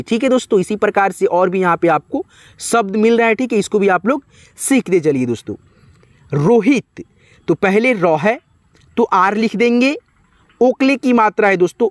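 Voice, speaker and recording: A man's voice: sits high, dry recording, clean studio sound. A man teaching a spelling lesson, spelling names out letter by letter and often calling the viewers his friends. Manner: keeps addressing viewers as friends. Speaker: English teacher.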